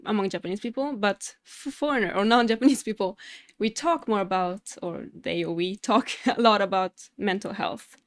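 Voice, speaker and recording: A woman in her late twenties from Sweden, a Swedish native speaker, talking as a podcast guest in a relaxed, hesitant way with small laughs. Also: mid-range voice, normal speed, no room sound, clean studio sound. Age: late 20s. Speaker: guest, fitness instructor. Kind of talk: casual interview chat.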